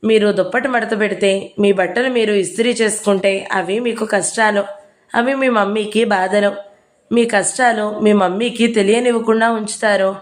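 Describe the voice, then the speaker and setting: A woman's voice: mid-range voice, fairly even intonation, normal speed. A woman narrating an audio novel, reading the dialogue in her own plain storytelling voice.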